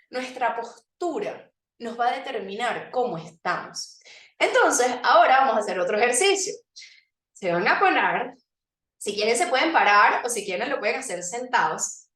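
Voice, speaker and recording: A high-pitched woman leads a live motivational workshop. She talks straight to the audience and keeps them engaged with exercises and frequent check-ins. The recording is roomy and echoey, and her voice comes from a distance. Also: fairly bright tone. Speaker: workshop presenter.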